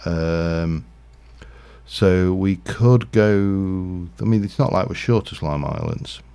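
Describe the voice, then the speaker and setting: A man's voice: low-pitched, slow, vocal fry, dark tone, clear, resonant tone. A man casually commentating his Minecraft livestream, rambling and thinking aloud with lots of fillers. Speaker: streamer.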